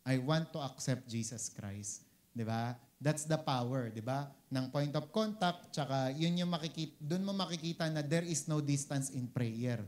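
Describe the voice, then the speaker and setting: A man's voice: a little high, normal speed, a little mellow. Filipino-accented man preaching casually. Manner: conversational, keeps asking "di ba?", mixes English phrases. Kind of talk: casual sermon.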